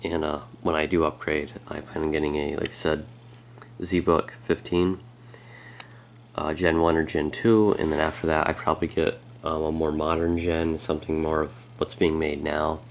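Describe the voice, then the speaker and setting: A slightly sick tech vlogger gives a casual, hands-on walkthrough of his laptop, speaking haltingly and unhurriedly with frequent pauses. His extremely low voice is level in tone and a bit strained, with slight background noise.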